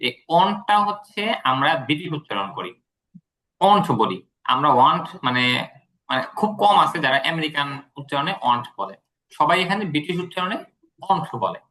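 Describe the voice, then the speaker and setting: Bright-voiced Bangladeshi man tutoring. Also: medium pitch. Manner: patient, explains with many fillers. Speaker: English tutor. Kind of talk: explaining English pronunciation.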